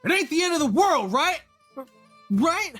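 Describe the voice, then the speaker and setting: A man doing a high twangy country deer youth, with music. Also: big pitch swings, unhurried, a bit bright, full character voice. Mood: earnest. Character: young country deer man, defensive and earnest.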